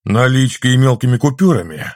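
A man voicing a grumpy, sarcastic old shopkeeper in an audiobook, grumbling his lines in a higher, louder voice. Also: expressive, a little fast, no echo, studio quality, close to an everyday voice. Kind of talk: audiobook reading.

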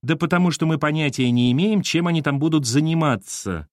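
A man's voice: a little high, expressive, a little fast, no room sound, clean studio sound, voice pushed up, natural voice. A man reading an audiobook, voicing an insistent, reproachful woman in her thirties. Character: nervous pushy ex-wife, mid-thirties woman. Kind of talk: audiobook character voice.

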